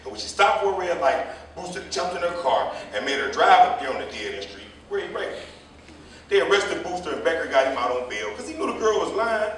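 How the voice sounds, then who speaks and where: A man with a fairly high, fairly bright voice reads the part of a combative, gossipy old jitney driver, very animated and brisk. The character scolds the young and tells rambling stories in a folksy, colloquial manner. It's a staged reading in a theater or hall, caught by a far mic with echo and faint noise.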